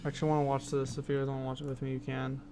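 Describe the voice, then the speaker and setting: A man's voice: medium pitch, monotone, very fast. A man giving casual gaming commentary as a gameplay streamer. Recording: game music behind the voice.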